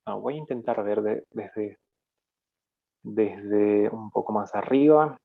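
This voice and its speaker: A man from Paraguay teaching a live online language class. He talks slowly and patiently, explaining each point and stopping to correct himself. The recording sounds a bit dull and lo-fi. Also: on the low side, vocal fry. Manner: explanatory, with frequent fillers and self-corrections. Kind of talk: live online lesson, reading comments.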